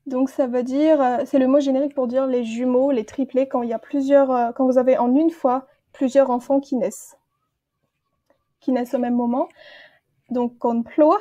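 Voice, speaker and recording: A woman's voice: sits high, steady tone, normal speed, warm tone. A woman teaching a vocabulary lesson, patiently saying each word twice before explaining it. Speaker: language teacher. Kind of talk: slow vocabulary lesson with repeated words.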